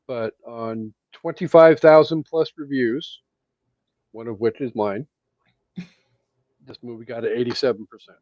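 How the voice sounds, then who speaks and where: Slow, teasing man on a dull lo-fi mic. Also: mid-range voice, a little mellow, dry recording. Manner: dry, teasing, slow-spoken. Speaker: podcast co-host. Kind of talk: casual movie chat.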